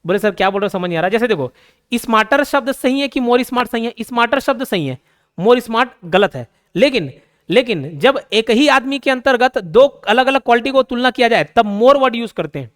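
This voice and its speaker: A young man with a Hindi accent teaching grammar, explaining patiently, repeating key points and reading English example sentences slowly. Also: very high-pitched, animated, a bit bright. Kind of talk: grammar lesson.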